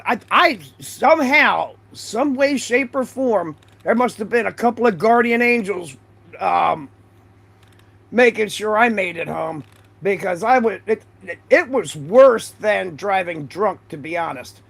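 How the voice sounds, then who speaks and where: A man's voice: sits high, creaky, fairly bright tone. A man commenting casually on a livestream, rambling with fillers and restarts. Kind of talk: casual chat over videos.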